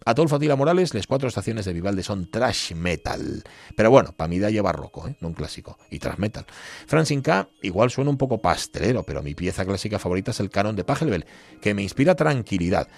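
Lively low-voiced Asturian radio host. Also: male voice, fast. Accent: Asturian Spanish. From Asturias, Spain. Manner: chatty, joking, lively. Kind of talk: casual radio talk reading listener messages. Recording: radio studio with music bed.

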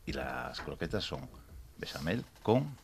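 A man's voice: low voice, sing-song, a little slow, vocal fry, slight background noise. A man in a casual radio chat, talking in an explanatory way.

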